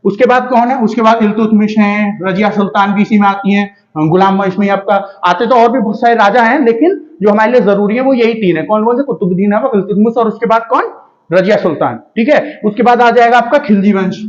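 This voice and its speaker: Man, high voice, exam coaching teacher, casual lesson, asks and answers own questions, dull lo-fi sound. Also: brisk. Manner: rhetorical questions answered himself, frequent checks like "theek hai". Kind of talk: casual Hindi history lesson. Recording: dull lo-fi recording.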